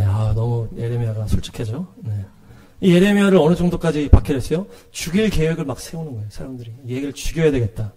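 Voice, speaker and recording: A man's voice: mid-range voice, warm tone. A middle-aged male pastor preaching a sermon in a conversational way, with many fillers and acted-out quotes.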